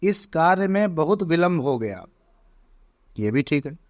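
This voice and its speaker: A man teaching an exam prep lesson, slowly spelling out words one by one. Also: fairly high pitch, very animated.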